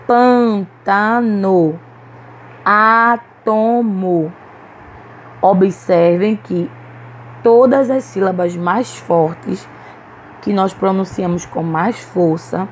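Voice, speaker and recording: A woman's voice: mid-range voice, warm tone, slight background noise, rough recording. A woman teacher with a Brazilian Portuguese accent giving a recorded lesson to young children, patiently sounding out words syllable by syllable. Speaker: primary school teacher. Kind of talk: recorded online class.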